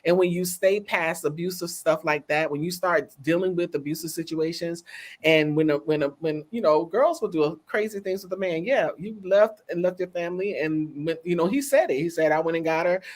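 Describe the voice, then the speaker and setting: A woman's voice: fairly low pitch, moderate pace. A woman co-hosting a talk show, chatting casually and with animation, laughing and calling out to her audience. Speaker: co-host. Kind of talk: casual chat.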